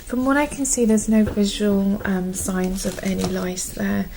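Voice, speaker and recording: Woman, ASMR role-play, gentle calm nurse, soft breathy half-soft voice, reassuring, gravelly fry, faint background noise. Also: mid-range voice, measured pace, rough recording. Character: gentle calm nurse doing a scalp check. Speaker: ASMR performer playing a nurse.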